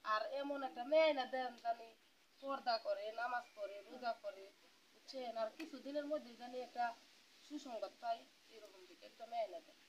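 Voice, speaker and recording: A woman's voice: fairly high pitch, a little fast. A woman playing a mother in a comedy skit, talking in an earnest, pleading way. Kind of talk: scripted comedy skit acting.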